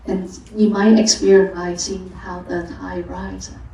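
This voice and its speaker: A woman giving a dharma talk as a Buddhist monastic teacher, speaking haltingly with frequent fillers and restarts. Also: lowish voice, flat delivery, mellow. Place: monastery hall during a retreat. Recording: echoey room from a distant mic.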